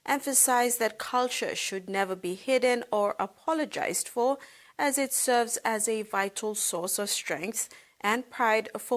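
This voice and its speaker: A woman news anchor reading scripted news items with crisp studio delivery. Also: mid-range voice.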